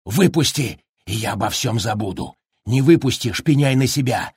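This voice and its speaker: A man voicing a raging, unhinged middle-aged father who shouts threats in a husky voice. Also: low voice, sing-song, very slow, no echo, clean studio sound, exaggerated voice.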